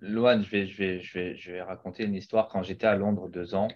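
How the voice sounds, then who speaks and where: Low-voiced man on lo-fi call audio. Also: little pitch movement, brisk. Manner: anecdotal, joking. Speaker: panelist. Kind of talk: casual panel discussion.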